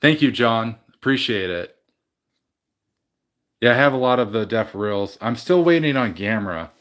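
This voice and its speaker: A man's voice: medium pitch, animated, normal speed, a bit bright. A man hosting a casual livestream from his game room at home, greeting viewers and rambling through his collection with frequent restarts. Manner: rambling, self-correcting. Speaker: livestream host. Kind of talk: casual chat with live viewers.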